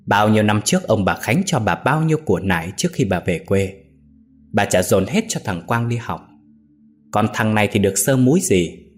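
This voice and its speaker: A man's voice: lowish voice, expressive, moderate pace, soft background music, natural voice. A man voicing a brutish grown son in a story, harsh and contemptuous toward his old mother. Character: cruel brutish adult son, a gambler.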